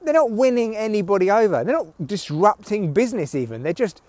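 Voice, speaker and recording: Male comic podcaster, fairly high voice, sweary rambling monologue, dry sound through a headphone mic. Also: big pitch swings, a little fast, darkish tone, no room sound. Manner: sweary, ranting, opinionated. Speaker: podcast host, comedian. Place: outdoors in windy weather. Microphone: headphones used as mic. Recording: recorded through headphone mic, rustly clicks.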